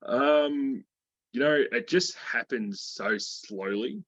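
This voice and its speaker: A man's voice: medium pitch, slow, fairly bright tone, husky, dry recording. A man, giving a casual interview in slangy, laid-back speech. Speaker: interviewee, programme graduate. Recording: dull lo-fi call audio.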